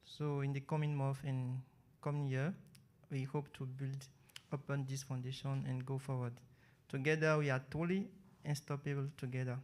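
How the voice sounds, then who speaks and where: A man with a Beninese French accent speaks at a mid pitch with little melodic movement. He addresses a session as its moderator. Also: flat delivery, normal speed. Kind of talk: public address at a conference session.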